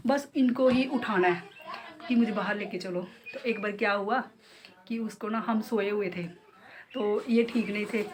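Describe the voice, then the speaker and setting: A middle-aged woman with a Jammu accent, a beauty salon owner chatting casually and heartfelt in her vlog. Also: mid-range voice. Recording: noisy background.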